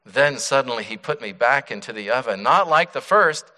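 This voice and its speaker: A man voicing a suffering clay teacup that pleads and cries out in high, strained bursts. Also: lively intonation, moderate pace, bright, forceful tone, in a large hall. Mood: pleading, anguished.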